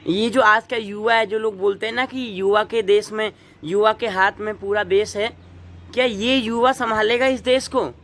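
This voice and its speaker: A young man from Uttarakhand vlogs his opinion in a fairly high voice. He talks in an earnest, indignant tone and keeps throwing rhetorical questions at his viewers. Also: steady tone, normal speed, a bit bright. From Uttarakhand, India. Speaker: vlogger. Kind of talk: opinion commentary to camera.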